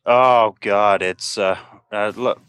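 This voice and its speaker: A man's voice: lowish voice, fairly even intonation, slow, fairly bright tone. A man telling a story on a stream, rambling with many fillers and restarts. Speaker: guest on a stream. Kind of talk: casual chat over voice call.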